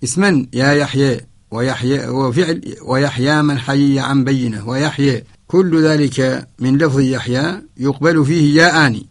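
A man teaching Quran spelling rules in a radio lesson, slow and deliberate, repeating each example word and reciting verses in a chanting cadence. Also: medium pitch. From Mauritania. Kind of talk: radio lesson, explaining a didactic poem. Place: radio studio.

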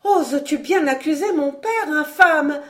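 A woman reading aloud, voicing a proud, indignant young noblewoman with an accusing, high-strung manner. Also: measured pace, darkish tone, natural voice.

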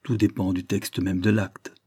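A man reading aloud voices an older lawyer who weighs each legal point with care. His delivery is measured and lawyerly, low in pitch with a husky edge. The sound is dry and close. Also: flat delivery, darkish tone, no echo. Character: resentful older male lawyer, precise.

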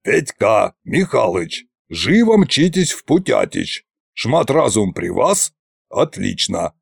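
A man voicing a stern old male tsar who barks curt orders slowly and deliberately. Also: on the low side, very animated, vocal fry, husky, no echo, clean studio sound, full character voice. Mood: commanding.

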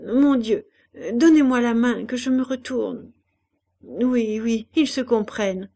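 A poor old woman stuck in her bed, chattering on in a fawning, pious way, as a woman reader voices her. She talks slowly, and her voice often rises high and loud. It comes from a storybook reading. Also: creaky, full character voice. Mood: wheedling. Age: older. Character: poor, bedridden old woman, wheedling and flattering.

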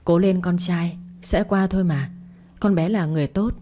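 A woman's voice: lowish voice, moderate pace, mellow, natural voice. A woman reading the lines of a middle-aged mother comforting her son in a storybook, in a soothing, reassuring way.

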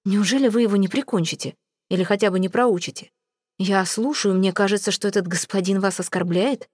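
A woman's voice: mid-range voice, brisk, darkish tone, breathy edge, dry recording, studio quality, close to an everyday voice. Woman reading as a haggling male journalist. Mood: urging. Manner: bargaining, breezy. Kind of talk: audiobook character reading.

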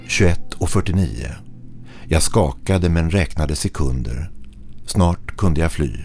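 A man with a very low, dark voice reads a scripted horror story in the first person. His delivery is steady and measured. Faint music plays underneath. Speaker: narrator.

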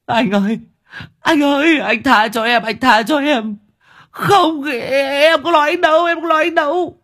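A man voicing a battered young man who shouts shrilly and whines. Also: very high-pitched, moderate pace, pitched above the performer's own voice. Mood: pleading.

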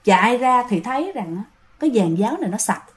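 A woman with a Southern Vietnamese accent tells a ghost story chattily, talking straight to her listeners. Her voice is a little high and sing-song, and she moves at a quick pace.

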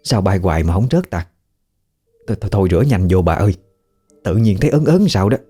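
Narrator as a jittery village woman, low mellow voice. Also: sing-song, husky, soft background music, heavily acted. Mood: uneasy. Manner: nervous hurried. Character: uneasy village woman washing dishes.

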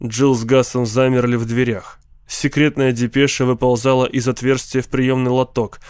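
A male narrator reads a science fiction story in an even, measured voice. His pitch sits in the middle for a man. The sound is dry and close with no room echo. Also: clear, resonant tone. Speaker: audiobook narrator. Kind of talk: scripted narration.

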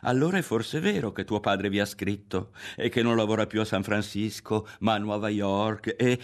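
A man reading aloud, voicing a proud teenage girl who speaks quickly and challengingly, sometimes dropping to a hush. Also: on the low side, close to an everyday voice. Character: sharp, proud teenage girl, teasing then eager.

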